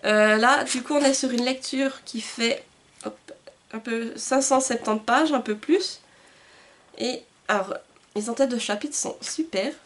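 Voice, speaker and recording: A woman's voice: a little high, measured pace, a little hiss or hum. A woman chatting casually on her book vlog, enthusiastic and full of little hesitations. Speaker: book vlogger. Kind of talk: casual book haul chat.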